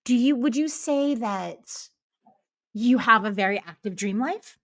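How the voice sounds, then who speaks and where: A woman's voice: fairly high pitch, animated, measured pace. A middle-aged woman hosting a conversational interview over a video call, informal, reflective and blunt in how she talks. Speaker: show host, interviewer.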